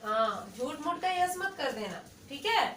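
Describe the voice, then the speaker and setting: High, bright-voiced woman teaching a class. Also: big pitch swings, a little slow. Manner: patient, questioning, checks understanding often. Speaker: English teacher. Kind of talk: classroom lesson. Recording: echoey classroom, far from mic, faint noise.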